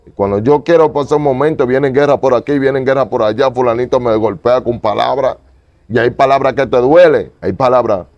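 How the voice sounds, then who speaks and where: A man in an interview giving a fervent, repetitive testimony, moving between loud pleading and low murmurs. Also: fairly quick, no echo, dull audio. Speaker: evangelist guest.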